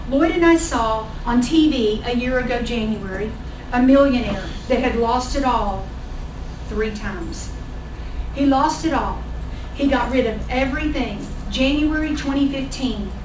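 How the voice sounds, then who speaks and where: An American woman giving a motivational sales training talk as a business trainer, emphatic and often checking in with her listeners. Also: fairly high pitch. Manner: emphatic, checks in with "okay?" and "all right?". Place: large indoor training room with audience. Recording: echoey room, distant mic, noisy background.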